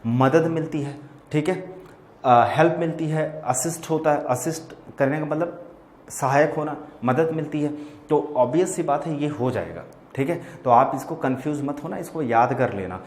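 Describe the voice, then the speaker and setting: A man's voice: a little high, normal speed, darkish tone, roomy sound, a little hiss or hum. A man teaching English vocabulary for exams, explaining in Hindi mixed with English and often checking in with his students. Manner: explains words in Hindi mixed with English, calls listeners "bachche"; keeps checking in with "theek hai?". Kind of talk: exam-prep lesson.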